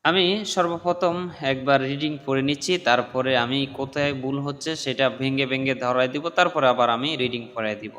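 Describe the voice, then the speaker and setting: A man teaching a prayer recitation, who chants the Arabic slowly and explains pronunciation errors quickly. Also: mid-range voice, fairly bright tone, long reverb tail. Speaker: religious teacher. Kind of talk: recitation lesson.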